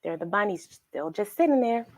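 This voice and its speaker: Reading a storybook aloud to children, this medium-pitched woman sounds expressive and emphatic, pausing dramatically and asking the young audience questions. It's a dry, studio-quality recording.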